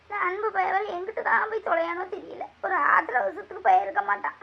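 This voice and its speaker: A woman voicing a worried middle-aged mother who laments and pleads slowly about her sick husband. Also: very high voice, sing-song, gravelly, heavily acted. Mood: lamenting. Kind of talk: amateur family skit. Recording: dull lo-fi recording.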